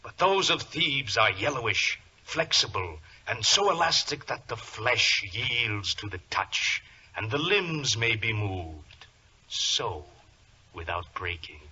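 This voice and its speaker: An actor playing a suave, villainous professor, politely gloating and deliberate, in 1940s radio drama style. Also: male voice, medium pitch, very animated, bright, forceful tone, breathy edge, full character voice. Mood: suavely courteous. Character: suave villainous professor, scheming and menacingly courteous. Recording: muffled, hissy vintage radio recording.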